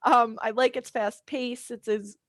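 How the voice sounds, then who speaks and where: A woman's voice: on the high side, fairly even intonation, a little slow, no echo, studio quality. Chatty young woman podcast co-host. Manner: chatty, giggly, rambling asides. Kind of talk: casual chat.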